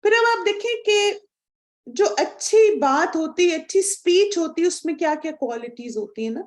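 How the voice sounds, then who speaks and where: A woman's voice: extremely high pitch, expressive. A woman teaching a religious course, earnest and instructive, who asks her class questions and mixes English words into her talk. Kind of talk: religious lesson lecture.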